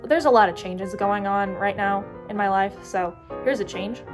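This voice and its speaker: A woman's voice: mid-range voice, normal speed. A woman with an American accent, an indie author chatting casually to camera in a rambling, self-correcting way. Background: background music.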